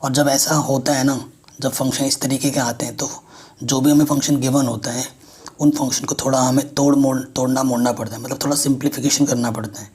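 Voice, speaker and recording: A man's voice: medium pitch, level tone, brisk, a little mellow, husky. A man teaching a math lesson, explaining step by step and checking in with students often.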